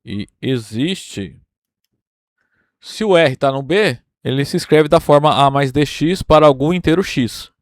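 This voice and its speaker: A man's voice: a little high, expressive, measured pace, no echo, clean studio sound. Brazilian man lecturing through a proof. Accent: Brazilian Portuguese. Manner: explains step by step, checking in with "tá?" and "né?". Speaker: university math lecturer.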